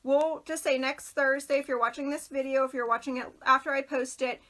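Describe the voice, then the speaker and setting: A craft video host chats loosely on a casual livestream, greeting viewers by name in a high, steady, fairly quick voice with a sharp edge. She sounds a little worn and throaty, losing her voice and clearing her throat.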